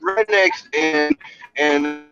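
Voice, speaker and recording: A man's voice: on the high side, wildly swooping pitch, very slow, gravelly, over music. A man calling in to a livestream chat show as co-host. He rambles loosely, full of fillers, and his voice keeps glitching and cutting in and out over the call line. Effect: glitchy breaking-up call line, cutting in and out. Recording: dull lo-fi call audio.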